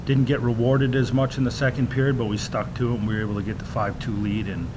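A middle-aged man, a head hockey coach, answering questions at a postgame press conference at a table mic, measured and full of fillers. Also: medium pitch, little pitch movement, background noise. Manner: measured, many fillers and restarts. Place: press room in front of a logo backdrop.

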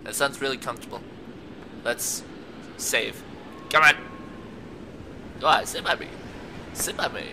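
A young man giving let's play commentary, excitable and talking to the game's characters as he plays. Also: mid-range voice, unhurried, gravelly, pauses often, a little hiss or hum. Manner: excitable, talks to the game characters, laughs a lot. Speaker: gamer.

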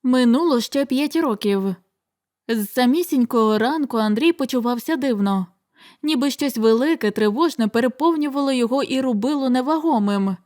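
A woman narrating a horror audiobook in a measured, dramatic storytelling manner. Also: sits high, a little mellow. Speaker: audiobook reader.

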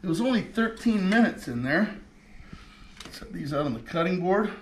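A man's voice: high voice, animated, moderate pace, slight background noise. A man in his forties hosting a cooking show, chatting enthusiastically to viewers as he cooks in a kitchen. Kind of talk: casual cooking demonstration. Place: home kitchen studio, indoors.

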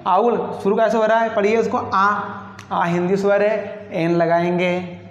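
A man's voice: high voice, level tone, measured pace. A man teaching an English lesson who keeps asking the class questions and then answering them himself. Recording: echoey, muffled room recording.

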